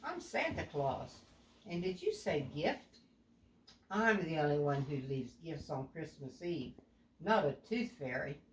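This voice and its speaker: Woman playing old storybook Santa, proud, firm, unhurried, quietish lowish voice, echoey room. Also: sing-song. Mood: proud, territorial. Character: jolly but territorial old man, Santa. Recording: echoey room with background noise.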